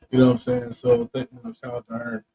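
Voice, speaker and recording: A man's voice: high-pitched, darkish tone, rough recording. A man, a comedian and co-host, in casual chat, telling a personal story with profane, emphatic asides.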